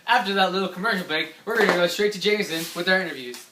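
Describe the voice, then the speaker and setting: A man's voice: high voice, rapid-fire. A man anchoring a mock newscast for a school project, casual and giggling as he reads, recorded far off in an echoey room. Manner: casual, laughing while reading. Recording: echoey room, far from mic, background noise.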